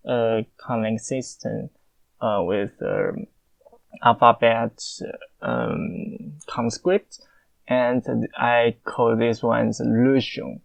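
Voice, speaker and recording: A young native Mandarin speaker with a Mandarin Chinese accent answers listener questions in a casual, halting monologue full of filler pauses. His gravelly voice sits in the mid range, and the poor-quality audio has no echo.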